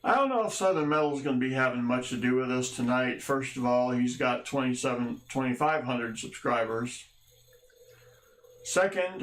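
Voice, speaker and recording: A man hosts a casual livestream, calling out viewers one by one and tossing in wry jokes between rambling asides. He talks at a slow, unhurried pace in a mid-range voice, with a faint hum of room noise behind him. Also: mid-range voice, reverberant. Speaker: livestream host.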